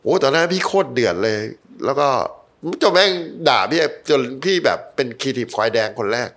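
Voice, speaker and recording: A man's voice: mid-range voice, expressive, fairly quick, fairly bright tone. A middle-aged man, a former advertising creative, telling stories as a podcast guest in a blunt, heated way full of swearing. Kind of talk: casual podcast conversation.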